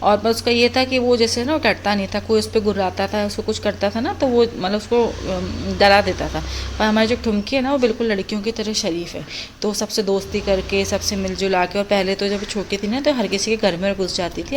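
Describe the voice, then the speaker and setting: A woman's voice: medium pitch, brisk, a little hiss or hum, low-quality recording. A woman from India narrating her daily vlog in a chatty, explaining way. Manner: chatty, explaining as she goes. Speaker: vlogger.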